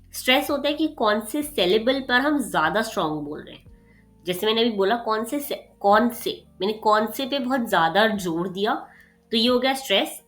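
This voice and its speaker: A woman teaching an exam revision lesson casually, often checking in with her students and mixing in English terms, with faint music behind her. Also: mid-range voice. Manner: frequent check-ins of "theek hai" and "okay", mixing English terms; gets faster and louder when excited while explaining. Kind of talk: casual explanatory lecture.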